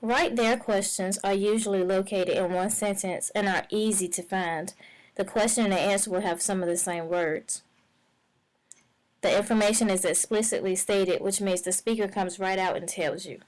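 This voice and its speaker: A woman's voice: medium pitch, steady tone, low-quality recording. Woman narrating a reading lesson. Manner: clear, measured explaining. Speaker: teacher. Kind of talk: instructional narration.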